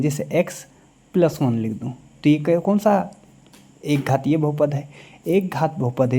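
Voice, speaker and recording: A man teaching a maths lecture in a classroom style, who keeps pausing to ask the class quick check questions. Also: on the high side, warm tone.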